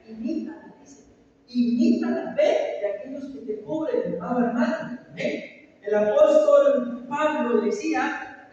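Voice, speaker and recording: Male pastor, very high voice, preaching from far off in a roomy church hall, dull lo-fi sound. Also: dark tone, slight background noise. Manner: calls for amens, preaching with rising emphasis. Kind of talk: sermon.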